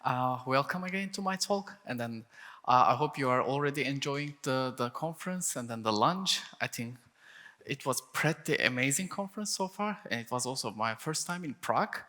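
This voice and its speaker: Speaking English at a technical conference, a young man from Turkey often restarts phrases and strings ideas together with "and then," his phrasing non-native. His medium-pitched voice is expressive, pushed and bright at a moderate pace, and the hall adds noticeable reverb.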